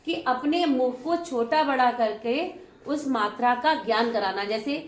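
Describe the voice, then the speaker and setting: A woman's voice: on the high side, unhurried. A woman teacher giving a classroom lesson, patiently prompting her students with questions and praising their answers. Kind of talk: classroom lesson on Hindi vowel signs. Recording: echoey room with faint noise.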